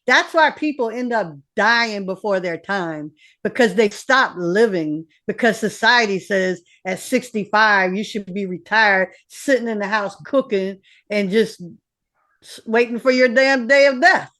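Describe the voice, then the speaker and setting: A fifty-something recording artist is the guest in a casual interview, talking candidly and bluntly, swearing plenty, lively and streetwise. She speaks at a medium pitch without hurrying.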